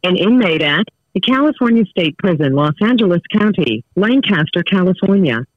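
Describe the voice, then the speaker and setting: A man's voice: sits high, sing-song, dry recording. Man's automated prison phone announcement. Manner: formal, measured, evenly spoken. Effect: automated prison phone message. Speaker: automated collect-call announcer. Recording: tinny phone line, dry.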